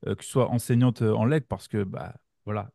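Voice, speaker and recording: A man hosting a podcast, introducing guests bluntly and with halting fillers. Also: on the low side, creaky, crowd noise. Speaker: podcast host. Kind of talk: casual podcast chat.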